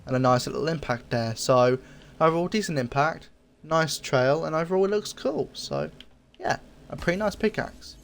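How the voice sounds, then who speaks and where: A man's voice: on the high side, moderate pace, creaky, slight background noise. A man hosting a casual review of game cosmetics. He talks in an easygoing, repetitive way and often corrects his own slips. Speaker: gaming channel host.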